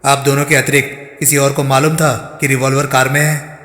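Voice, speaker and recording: A stern, persistent police inspector, read by a man, pressing each question firmly. The tone is bright and forceful, with a long reverberant tail around it. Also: medium pitch, little pitch movement, moderate pace, natural voice. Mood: probing. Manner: firm, pointed questioning.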